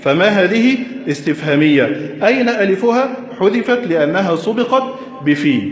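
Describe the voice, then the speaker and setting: A man teaching Arabic grammar at a whiteboard, slow and deliberate, quizzing his listeners with questions. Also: sits high, expressive. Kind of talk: classroom lesson at a whiteboard. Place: classroom with a whiteboard. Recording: echoey, reverberant room.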